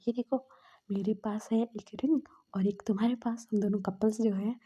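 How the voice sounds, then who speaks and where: A lovestruck young man, playful and teasing, as a woman retelling a story puts him on. He has a dark, husky tone. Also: medium pitch, fairly even intonation, normal speed, lo-fi sound, lightly acted.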